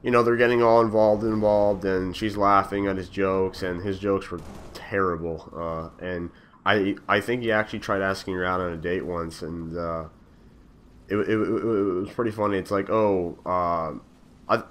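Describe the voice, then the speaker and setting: A man's voice: lowish voice, slight background noise. A young man telling a story from his school days over game footage, rambling with many fillers and restarts. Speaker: gaming channel host. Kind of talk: casual storytelling over gameplay.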